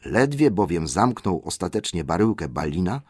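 Low-voiced man reading a story. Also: big pitch swings, normal speed, no echo, clean studio sound. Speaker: audiobook narrator. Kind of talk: scripted narration.

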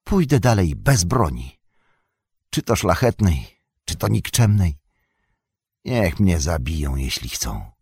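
A man's voice: low voice, big pitch swings, slow, long pauses, darkish tone, slightly rough, no room sound, clean studio sound, heavily acted. Frodo, a man doing a despairing hobbit. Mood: defiant. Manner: anguished, sorrowful, tired. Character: weary young male hobbit, burdened and despairing.

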